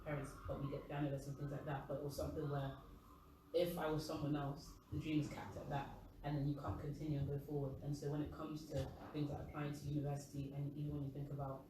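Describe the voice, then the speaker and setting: A man's voice: fairly high pitch, monotone, fast. A young man with a London accent speaking casually and discursively in a discussion. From East London, England. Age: young adult. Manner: rambling, discursive. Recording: very echoey room, distant mic, noisy.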